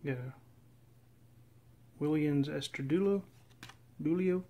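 A man casually narrating as he opens packs of trading cards, reading off names in a steady, relaxed list. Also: a little high, slow. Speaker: card collector opening packs. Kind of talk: casual running commentary. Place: indoors at a table.

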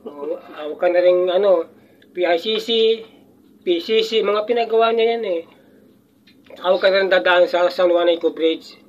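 A man's voice: high voice, moderate pace, pauses often. An older man in casual chat, rambling and reminiscing with chuckles and frequent restarts. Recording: muffled lo-fi audio.

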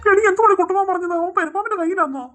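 A woman's voice: very high voice, racing, a bit bright, soft background music. A woman voicing a cartoon father, a policeman who panics easily. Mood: panicked. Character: grown man, father, a policeman, easily scared. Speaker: cartoon character.

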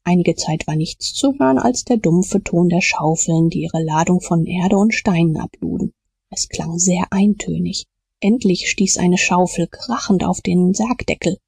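A woman reading an audiobook as narrator in calm, measured storytelling. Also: fairly low pitch, vocal fry, slightly rough, dry recording. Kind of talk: scripted narration.

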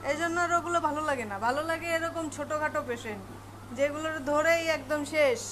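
A woman's voice: high-pitched, fast. A woman at home at night, scolding and coaxing her pet in baby talk. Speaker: pet owner. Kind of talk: home video, talking to a pet. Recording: noisy home recording with dog sounds. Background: dog barking and whining.

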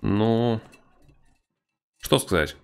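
A man's voice: fairly low pitch, very slow, vocal fry, a little hiss or hum. A man giving casual, wry commentary on a horror game playthrough, with mock-tough banter. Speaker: game streamer.

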